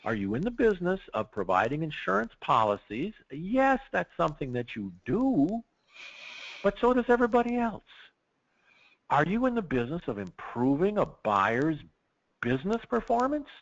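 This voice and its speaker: A consultant explains his field with plenty of enthusiasm and a gravelly edge to his voice. His pitch swings widely as he talks, and he keeps stopping and starting his sentences. The man's voice comes through dull lo-fi audio. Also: moderate pace. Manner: animated, excitable, many restarts. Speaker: risk management consultant. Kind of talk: podcast interview.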